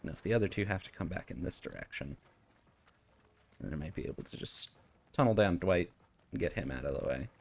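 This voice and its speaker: A man's voice: low-pitched, expressive, a little fast, gravelly, long pauses, slight background noise. A man giving casual, muttered running commentary while streaming a game.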